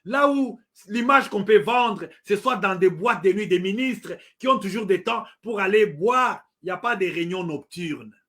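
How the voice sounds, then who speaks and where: A man's voice: high-pitched, animated, normal speed, hardly any pauses, sharp tone. A middle-aged man with a Congolese French accent, giving impassioned political commentary, emphatic and full of repetitions and hesitations. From Democratic Republic of the Congo. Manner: emphatic, repeats points, hesitant fillers.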